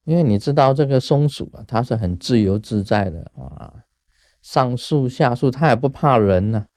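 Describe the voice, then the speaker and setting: A man from Taiwan, giving a casual Buddhist talk in a lively storytelling way and chuckling at his own jokes. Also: medium pitch, moderate pace, dry recording, clean studio sound. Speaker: Buddhist teacher.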